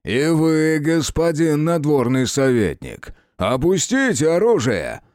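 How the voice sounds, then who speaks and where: A man voicing a senior male official who speaks slowly in a level, commanding way. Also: on the high side, sing-song, a little mellow, no room sound, studio quality, pitched above the performer's own voice. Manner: level, measured, authoritative.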